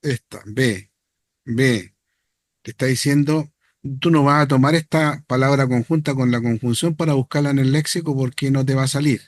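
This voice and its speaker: A man's voice: medium pitch, moderate pace, no room sound, studio quality. A man teaching a Hebrew class, explaining step by step and checking that students follow.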